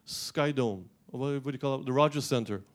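Here a middle-aged Guyanese man, a pastor, gives a lively sermon to his congregation at a slightly fast clip. His pitch stays in an everyday middle range, and he frequently starts phrases over before climbing to strong, emphatic highs.

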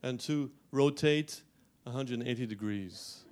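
A middle-aged Guyanese pastor delivers an animated sermon at a medium pitch and a measured pace. He restarts often and his emphasis keeps rising.

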